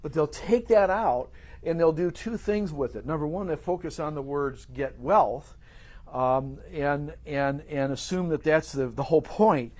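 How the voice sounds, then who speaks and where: A man's voice: on the high side, a little slow, a little mellow. A man teaching a Bible study class, talking off the cuff with many restarts and fillers.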